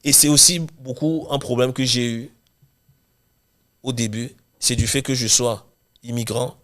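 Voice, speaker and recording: A young man from Cameroon, a guest chatting casually in an interview, talking in quick run-on restarts. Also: medium pitch, fairly even intonation, fairly bright tone. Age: young adult. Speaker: guest, real estate investor and coach.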